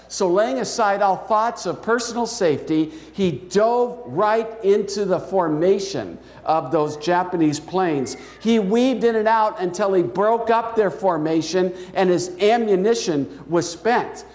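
Higher-voiced man preaching in an echoey church. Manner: storytelling, with soft, slowed endings. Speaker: pastor. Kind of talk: sermon. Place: church sanctuary.

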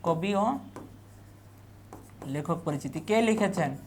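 Woman teaching, lowish voice. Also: animated, darkish tone, a little hiss or hum. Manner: reads options in a slow, falling list, then repeats the answer. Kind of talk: exam revision lecture.

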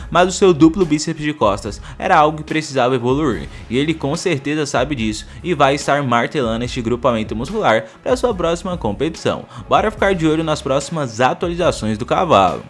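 A man narrating sports news in a scripted, energetic style and addressing the viewers directly. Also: fairly high pitch. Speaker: news presenter. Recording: voice-over with background music.

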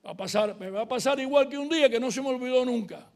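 High-voiced older man lecturing. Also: fast. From Cuba. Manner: storytelling, animated, acts out dialogue. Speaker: university lecturer giving a keynote. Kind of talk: conference lecture with anecdotes.

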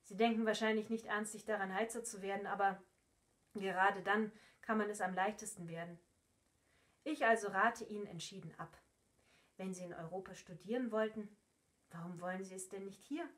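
Gruff male stoker, blunt and plain; woman reader. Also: mid-range voice, moderate pace, fairly bright tone, close to an everyday voice. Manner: blunt, matter-of-fact.

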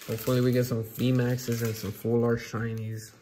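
A man's voice: medium pitch, completely flat delivery, normal speed. A young adult man chatting casually and bantering with lots of slang and swearing as he hosts a pack opening. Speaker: host of card pack opening video. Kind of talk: casual chat while opening card packs. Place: indoors at a tabletop. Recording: noisy room with card and wrapper crinkling.

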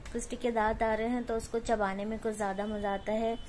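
Young woman vlogger with a high voice, casual home chat and soft baby talk, filmed on a phone with faint room hiss behind. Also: flat delivery, fast. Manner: coos and baby-talks softly to her child. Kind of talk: casual home vlog, talking to her baby. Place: home indoors.

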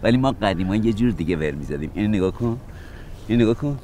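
A man's voice: fairly low pitch, expressive, mellow, natural voice. Guy playing a frazzled lost man on the phone, rain hissing faintly behind. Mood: teasing. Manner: exasperated, pleading on the phone. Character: flustered middle-aged man, lost and irritable. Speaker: film actor stranded in a rainy house. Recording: film audio with faint rain noise. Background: rain and thunder.

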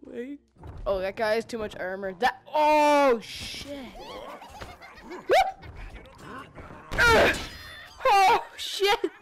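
Excitable woman swearing through gameplay. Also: sits high, drawn-out words, pauses often. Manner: excitable, swearing, making silly sound effects. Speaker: gamer playing on stream. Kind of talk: casual gameplay commentary.

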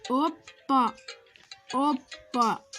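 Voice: sits high, extremely slow, music in the background. A child recording playful game commentary, often shrieking and giggling at the action. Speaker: gaming video maker.

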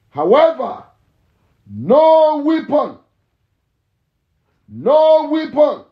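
A male pastor preaching a fervent morning sermon and prayer, repeating phrases and breaking into shouts. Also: very high voice. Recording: echoey, dull lo-fi church recording.

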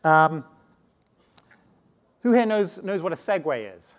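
Guy with a high voice giving a conference talk on stage, animated, keeps restarting words. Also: slow. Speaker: conference speaker. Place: conference stage before an audience.

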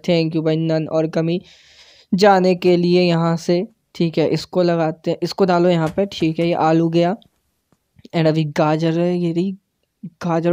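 A man giving live gameplay commentary for his channel, tense and excitable, dropping English words into his play-by-play. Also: high-pitched, no room sound, studio quality. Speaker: gaming channel host.

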